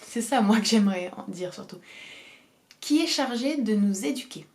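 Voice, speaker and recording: A woman's voice: on the high side, expressive, moderate pace, darkish tone. A young woman from southern France with a southern French accent, giving an earnest, emphatic opinion monologue and repeating her key phrases. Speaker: video essayist.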